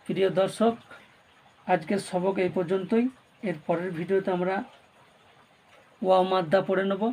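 A man teaching Quran reading, spelling out syllables slowly and repeating each word, then explaining the rules more quickly. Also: sits high, little pitch movement, vocal fry, a little hiss or hum. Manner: explains rules quickly and softly between drills. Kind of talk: slow drilled recitation lesson, spelling out syllables.

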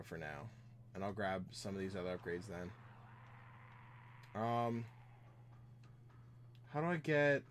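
A man's voice: lowish voice, a little hiss or hum. A man streaming a video game, chatting casually with viewers as he plays. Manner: rambling, chatting with viewers while playing. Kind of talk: casual gameplay chat.

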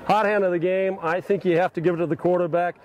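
Middle-aged guy wrapping up a high school football game outside at night, high voice, headset mic. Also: fairly even intonation, fast talker, a little mellow, highs cut off. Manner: upbeat, reads sponsor plugs. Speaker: play-by-play host. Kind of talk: post-game sports commentary. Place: outdoors at a football field at night. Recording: outdoor noise behind.

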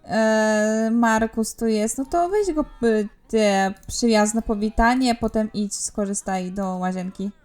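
Young woman, high-ish voice, unhurried chatty game commentary, orders her characters around. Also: darkish tone, faint music behind. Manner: chatty, bossing the characters around, frequent laughs. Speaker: gaming YouTuber. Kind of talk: casual let's-play commentary.

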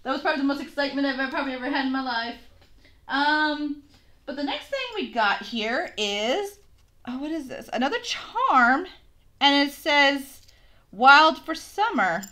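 A woman's voice: high voice, animated, normal speed, pushed and bright. A young woman gushing through a casual unboxing vlog on her phone camera, chatting to viewers. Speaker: unboxing vlogger.

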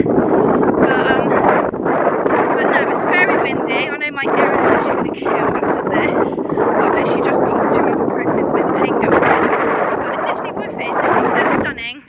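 A woman's voice: high voice, a little fast. A young woman vlogging on a windy mountain hike, chatty and rambling, a bit out of breath. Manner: chatty, rambling, says "literally" a lot. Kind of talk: casual vlog chat while hiking. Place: windy mountain trail outdoors. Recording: loud wind noise on mic.

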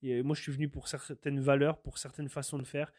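A man's voice: medium pitch, flat delivery, fairly quick, a little mellow, no room sound, studio quality. A man from France, hosting a podcast and talking earnestly through his opinions, with many fillers and restarts. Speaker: podcast host. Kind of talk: solo podcast monologue.

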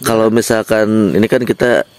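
A man's voice: fairly low pitch, moderate pace, darkish tone. A man interviewing outdoors in a forest at night, asking short questions and laughing often.

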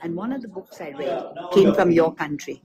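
A woman's voice: on the low side, lively intonation, normal speed, crowd noise, rough recording. An older woman giving an earnest, emphatic message. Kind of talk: recorded message.

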